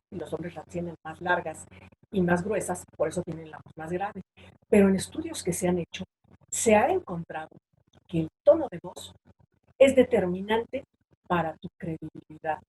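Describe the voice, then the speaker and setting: A woman's voice: a little hiss or hum, low-quality recording. A woman giving a workshop on online presentations, talking emphatically and raising or dropping her voice to demonstrate her points. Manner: emphatic, shifts pitch and loudness to demonstrate points. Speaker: public speaking trainer.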